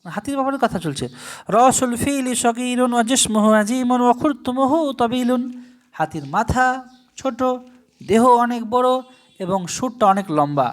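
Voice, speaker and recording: An Arabic language teacher giving a recorded lesson, drawing the Arabic phrases out slowly, then explaining them in quick asides and asking the listener rhetorical questions. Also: mid-range voice, lively intonation.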